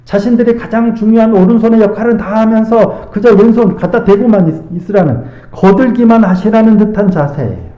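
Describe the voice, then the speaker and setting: A male pastor giving a midweek sermon, earnest, asking rhetorical questions and reading scripture slowly. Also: sits high. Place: church sanctuary. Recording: echoey church hall, dull lo-fi sound.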